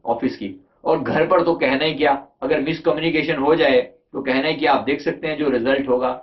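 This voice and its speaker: A man, a life coach, giving a conversational motivational talk on communication, asking his listeners rhetorical questions and mixing in English terms. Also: mid-range voice. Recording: dull lo-fi recording.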